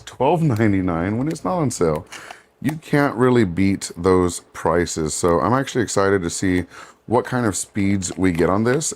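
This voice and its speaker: A man with a deep voice giving a casual, conversational ASMR-style unboxing and tech review. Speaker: product reviewer.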